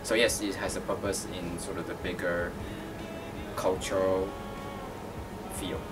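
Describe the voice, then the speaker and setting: A man from Taiwan, an artist who also teaches art, answers interview questions in a gallery with a low voice and flat delivery, speaking a little slowly. He is thoughtful but full of fillers and restarts. The distant mic leaves music audible underneath.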